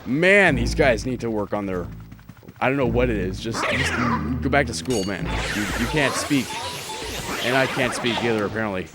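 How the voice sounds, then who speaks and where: A young man with a hoarse, cracking voice from illness, rambling and joking as he commentates his video game playthrough. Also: mid-range voice, lively intonation, moderate pace, over loud music. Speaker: Let's Play host.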